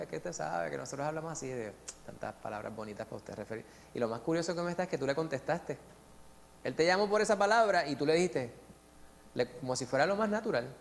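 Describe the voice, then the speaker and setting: Puerto Rican man teaching Bible study. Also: medium pitch. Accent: Puerto Rican Spanish. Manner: lively, joking, asks the group questions. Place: church meeting room. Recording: faint hum in a long-reverb hall.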